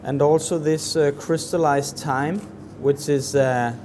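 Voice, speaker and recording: Slow, halting chef at a kitchen counter. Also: male voice, a little high, fairly even intonation, noisy background. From Denmark. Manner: slow, halting, many fillers. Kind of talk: cooking demonstration. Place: large professional kitchen.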